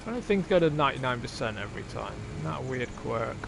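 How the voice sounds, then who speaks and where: A man's voice: medium pitch, very animated, quick pace, vocal fry, very noisy. A man live-streaming a farming game, thinking aloud, chatting to viewers and swearing casually as he plays. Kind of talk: casual live-stream chat while playing.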